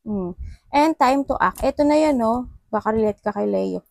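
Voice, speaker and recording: A woman's voice: a little high, lively intonation, moderate pace, vocal fry, dry recording, clean studio sound. A woman from the Philippines giving a casual horoscope and tarot reading, chatty and full of tag questions. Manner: chatty, mixes English into Tagalog, frequent tag questions. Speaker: tarot reader.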